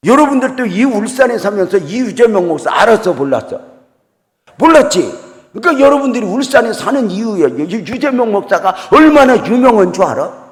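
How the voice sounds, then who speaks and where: A middle-aged man preaching a revival sermon as a guest pastor, swinging between loud exclamations and quiet storytelling and putting questions to the congregation. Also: sits high, sing-song, brisk. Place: church sanctuary. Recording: church hall reverb.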